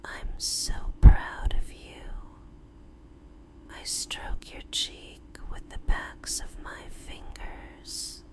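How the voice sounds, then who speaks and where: A woman in a whispered role-play as a tender, devoted girlfriend, speaking soothingly in a breathy, unvoiced whisper with drawn-out pauses. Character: tender, devoted girlfriend lulling her lover to sleep.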